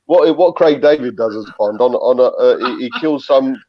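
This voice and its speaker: A man's voice: medium pitch, moderate pace, dry recording, dull audio. A man from Britain co-hosting a casual call-in chat, laughing often as he talks. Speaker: podcast co-host.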